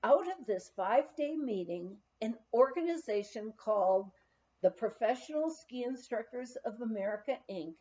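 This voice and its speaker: Narrating a funny memoir for an audiobook, a woman reads in a rather high voice, with a lively, strongly varied melody and carefully paced phrasing. The audio comes across as a bit muffled and lo-fi.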